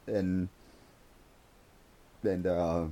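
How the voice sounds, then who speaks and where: A very low-voiced man tells war stories from his police days in a relaxed conversation. He gets animated, jumping into exaggerated voices for the people in his tales. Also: drawn-out words. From United States. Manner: animated storyteller, acts out voices in quotes. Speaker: podcast host, former police officer. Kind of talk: casual storytelling chat.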